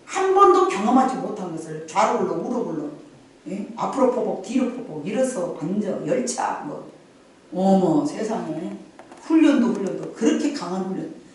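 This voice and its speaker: A woman's voice: mid-range voice, very animated, moderate pace, distant mic. A middle-aged woman pastor preaching a sermon, rising in emphatic swells and dropping to confiding storytelling. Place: church sanctuary. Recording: very echoey church hall, from afar.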